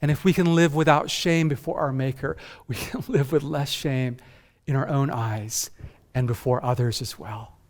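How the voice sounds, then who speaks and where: A man born in Japan and raised in North America, preaching a measured, emphatic conference sermon as senior pastor that builds through repeated phrases. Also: mid-range voice, steady tone. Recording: long hall reverb.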